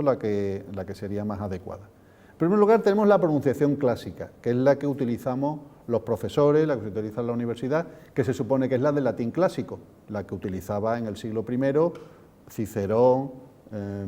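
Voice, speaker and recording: Man, lecture, dark mellow voice, explanatory, digressive, spells out sounds. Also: medium pitch. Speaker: lecturer on Latin. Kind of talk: conference lecture. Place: association meeting room.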